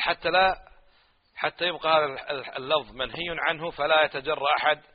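A man's voice: mid-range voice, big-room sound, highs cut off. A male preacher, giving a religious lecture and arguing with a run of mocking rhetorical questions.

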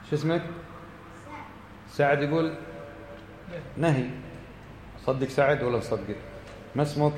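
A man's voice: fairly high pitch, darkish tone, a little hiss or hum. A man teaching a class as a religious teacher, questioning students, repeating points and chanting quoted verses. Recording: echoey hall with faint ambience.

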